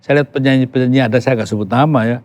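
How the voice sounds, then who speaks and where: A man's voice: medium pitch, steady tone, racing, a little mellow, a little hiss or hum. An older man from Yogyakarta, talking casually as a podcast guest, emphatic and mixing in English phrases. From Yogyakarta, Indonesia. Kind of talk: casual conversation.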